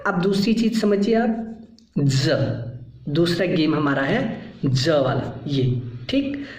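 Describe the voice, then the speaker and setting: A man's voice: a little high, lively intonation, a little mellow, roomy sound. A man teaching a spoken English lesson, repeating sounds and words and checking in often with the class. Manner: slow, repetitive, drilling single sounds and words; checks in with frequent "ठीक है".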